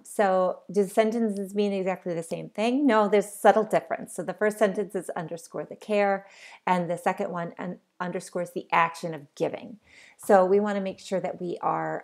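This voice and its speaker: A woman's voice: on the low side, moderate pace, gravelly. A woman giving a recorded online lecture as a college English instructor, explaining in an unscripted way with many ums and uhs.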